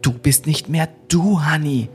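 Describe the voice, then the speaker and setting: A man's voice: mid-range voice, fairly even intonation, a little slow, darkish tone, faint music behind, natural voice. A man voicing a frightened young woman in a spooky story, pleading and tearful. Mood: panicked.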